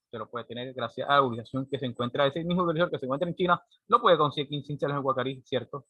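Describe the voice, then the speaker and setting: Guy lecturing a class, keeps asking "right?", bright tense voice, dry sound. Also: mid-range voice, rapid-fire, breathy edge, no room sound. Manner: explanatory, frequent rhetorical "¿cierto?" checks. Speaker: teacher.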